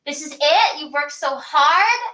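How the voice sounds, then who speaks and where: A woman's voice: sits high, lively intonation, measured pace, pushed and bright. A woman giving an upbeat, encouraging pre-show pep talk to her cast over a video call. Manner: upbeat and encouraging, trails into fillers. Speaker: theatre director. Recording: echoey room.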